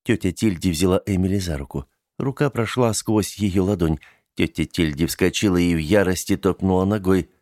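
A man narrating an audiobook in a steady, measured way. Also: low-pitched, dry recording, clean studio sound. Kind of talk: audiobook reading.

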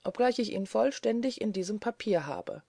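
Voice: mid-range voice, lively intonation, normal speed, vocal fry, a little mellow, dry recording, voice pushed up. A reader voicing a confident male lawyer in a courtroom, speaking in an assured, polished way.

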